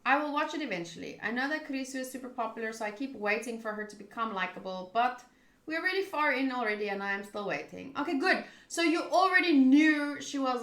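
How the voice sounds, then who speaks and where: A woman with a high, bright, forceful voice livestreams a visual novel, reading the narration aloud and chatting casually as she reacts to the game and her viewers. The recording has a roomy echo.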